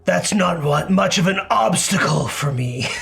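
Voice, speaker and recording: A man's voice: high voice, animated, measured pace, vocal fry, fairly bright tone, pitched above the performer's own voice, heavily acted. A man voicing an arrogant, coldly grandiose villain doctor in a tabletop game, speaking in formal, declamatory phrases. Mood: taunting.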